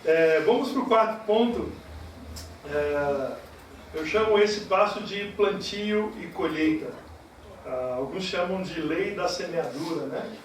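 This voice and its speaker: A man's voice: fairly high pitch, lively intonation, takes it slowly. A man preaching and reading scripture aloud, teaching with hesitant fillers. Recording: echoey hall, distant mic, noisy.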